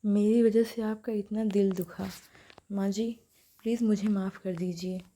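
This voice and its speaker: Brief: a woman playing a pleading daughter-in-law, soft and tearful. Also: mid-range voice, steady tone, a little slow, close to an everyday voice. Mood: remorseful. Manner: hushed, tearful apology.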